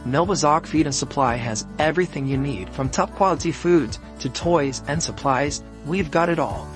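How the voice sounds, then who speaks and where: A man reads a radio ad in a fairly high, upbeat voice. His delivery is smooth and scripted, with clear music playing behind him. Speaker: ad announcer.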